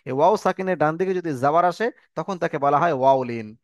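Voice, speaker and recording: A man teaching Quran letter reading in an online class, slow and patient, repeating phrases and calling his students brother. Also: fairly high pitch, no room sound, studio quality. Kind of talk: online lesson.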